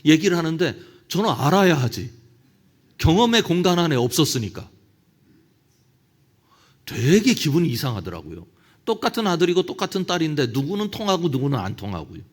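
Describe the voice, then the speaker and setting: A man's voice: on the high side, sing-song, a little fast, pauses often. A middle-aged male pastor giving a lecture-style sermon at a church officers' seminar, telling stories and acting out quoted prayers. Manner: storytelling, with quoted prayers acted out.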